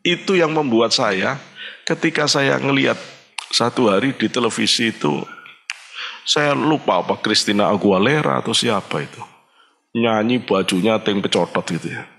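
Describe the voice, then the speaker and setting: A Javanese-accented man preaches a study sermon with a blunt, scolding edge. His voice sits at an ordinary middle pitch but keeps leaping up sharply when he presses a point. He slows into chanted Arabic recitation. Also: expressive, gravelly, fairly bright tone. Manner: emphatic, scolding and blunt, often jumping high in pitch; mixes in Arabic recitation with slow chanted delivery. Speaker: kyai, religious teacher.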